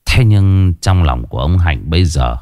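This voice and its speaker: A man narrating a dramatic story in an expressive, scripted way. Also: low-pitched, moderate pace, dry recording, studio quality. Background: faint music.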